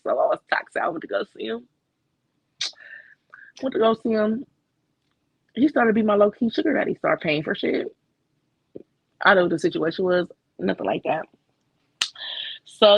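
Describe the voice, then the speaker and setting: A woman's voice: on the low side, no echo, muffled recording. Woman candidly telling a dating story. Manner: candid, profane storytelling with lots of fillers. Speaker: co-host. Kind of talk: casual chat.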